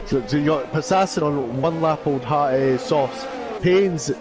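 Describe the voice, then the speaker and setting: A man's voice: fairly high pitch, fairly even intonation, normal speed. A man giving conversational live motorsport commentary and analysis, often restating his calls as a racing commentator.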